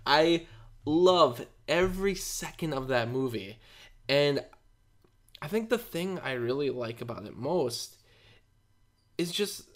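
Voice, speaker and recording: Rambling, excitable male podcast co-host. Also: a little high, takes it slowly, long pauses. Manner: rambling, enthusiastic, laughs often. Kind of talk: casual chat.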